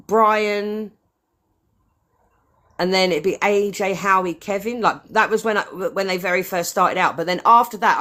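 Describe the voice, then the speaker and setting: A woman's voice: mid-range voice, a bit bright. A woman in her forties chatting casually as a fan guest, rambling cheerfully and laughing at her own mistakes. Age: 40s. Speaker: fan guest on a live stream. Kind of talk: casual chat.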